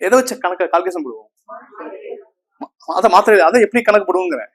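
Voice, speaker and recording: A man with a somewhat high voice teaches grammar to a classroom of students. He repeats each term and keeps checking whether the class is following. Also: animated, fast, a bit bright. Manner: asks the class frequent checking questions; repeats terms and counts on fingers.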